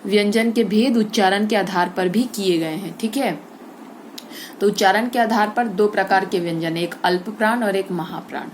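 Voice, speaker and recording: A woman's voice: mid-range voice, moderate pace, a little hiss or hum. A woman teaching a Hindi grammar lesson to schoolchildren, explaining step by step and asking and answering her own questions.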